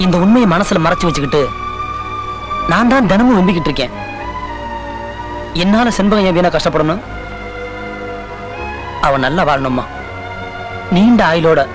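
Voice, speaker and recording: Sad young husband, quiet and torn, music pretty loud. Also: male voice, high-pitched. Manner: subdued, sorrowful. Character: grieving young husband torn between duty and love. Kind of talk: film drama dialogue.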